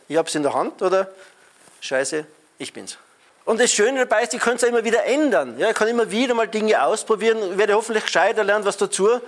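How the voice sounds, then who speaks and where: Male speaker, middle-aged, high voice, energetic live-talk delivery with audience check-ins. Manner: lively, emphatic, talks to the audience with frequent "ja?". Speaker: speaker on leadership.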